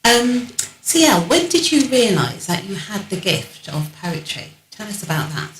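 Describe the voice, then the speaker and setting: A woman's voice: mid-range voice, big pitch swings, a little slow, a bit bright. A woman hosting a radio interview, effusive and gushing with thanks, often using filler phrases. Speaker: radio host. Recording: echoey room with faint noise.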